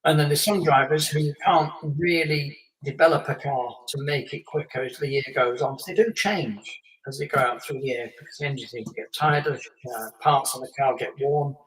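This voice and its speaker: On a live chat, a former English racing driver in his late fifties wanders through long tales, chuckling and using fillers often. His medium voice is a little bright and moderately paced, captured far from the mic on a rough recording.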